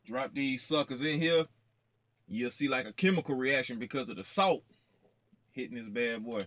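In his twenties, this trucker vlogs from inside his small parked truck cab, speaking directly into a close phone camera. He talks at normal speed in a medium-pitched, slightly bright voice, keeping things casual, playful and slangy.

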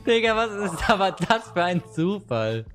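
Excitable male game streamer. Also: sits high, measured pace, soft background music. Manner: excitable, repeats exclamations. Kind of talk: casual live stream chat.

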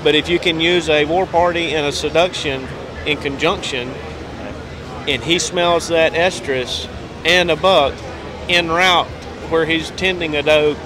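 A young man who runs a scent company promotes his products in a casual interview at a trade show booth, speaking in a voice on the high side with a steady tone and an unhurried pace. He is enthusiastic and salesman-like, full of fillers, talking into a handheld mic in a busy, noisy indoor hall with crowd chatter behind him.

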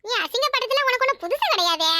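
Woman doing a squeaky cheeky village boy. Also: expressive, bright, forceful tone, dry recording, clean studio sound, exaggerated voice. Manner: cheeky, quick retorts. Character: cheeky young village boy, sharp-tongued. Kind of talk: cartoon family drama dubbing.

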